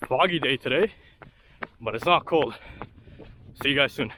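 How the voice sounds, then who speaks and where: A man's voice: medium pitch, normal speed, background noise. A man recording a running vlog outdoors on a handheld action camera, out of breath and upbeat and chatty. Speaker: vlogger. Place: outdoors on a cold street.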